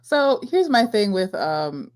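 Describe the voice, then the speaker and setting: Mid-pitched woman, thoughtful and chatty. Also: sing-song, slow. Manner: thoughtful, laughs mid-sentence. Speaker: guest host. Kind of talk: casual livestream chat.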